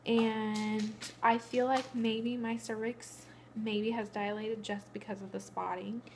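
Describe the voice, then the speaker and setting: A woman's voice: on the high side, little pitch movement, slow pace, slight background noise. Breathless pregnant woman vlogging casually. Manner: rambling, matter-of-fact, restarts often. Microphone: phone camera.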